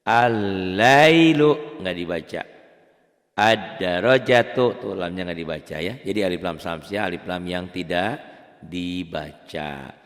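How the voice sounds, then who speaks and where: A man teaching Quran recitation in a casual, patient way, stretching the example words into slow chanted recitation. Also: sits low, fairly even intonation, long reverb tail. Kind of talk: casual spoken tajwid lesson.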